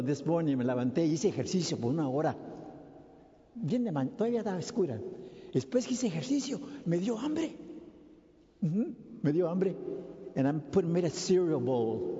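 Male priest, Mexican accent, earnest hushed homily; high, unhurried delivery; long church reverb, dull sound. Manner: earnest, prayerful, often hushed. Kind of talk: homily at Mass.

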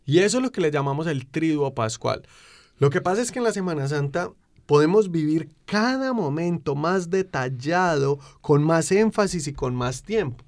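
Emphatic preaching man, slightly high voice. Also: a little mellow. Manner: emphatic, slow build-ups, frequent rhetorical "¿cierto?" tags. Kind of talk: preaching explanation of faith.

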